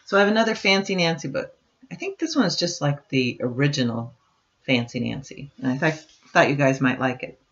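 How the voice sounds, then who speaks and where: An older woman with a low-sitting, brisk voice reads a picture book aloud to her grandchildren, speaking to them directly and expressively with chatty asides. It's captured on a computer webcam mic, so the sound is dull and lo-fi.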